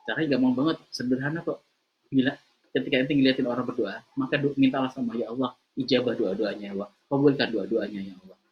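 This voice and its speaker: A man giving a lively religious motivational talk, telling stories and shouting out the voices of their characters. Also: slight background noise. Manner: animated storytelling, acting out voices in a high shout. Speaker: preacher. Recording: slightly dull lo-fi recording.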